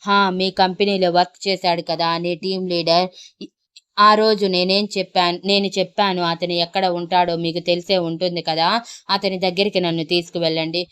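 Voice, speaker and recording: A woman's voice: on the low side, level tone, normal speed, a bit bright, clear, resonant tone, natural voice. A woman playing a defiant young wife. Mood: pleading. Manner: indignant, insistent.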